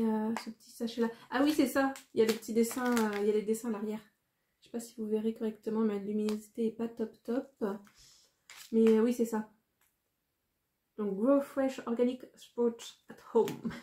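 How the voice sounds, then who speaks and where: A woman from France vlogging casually as she unboxes a parcel, talking in a hesitant, rambling way with frequent pauses. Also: fairly high pitch, dark tone, slight background noise.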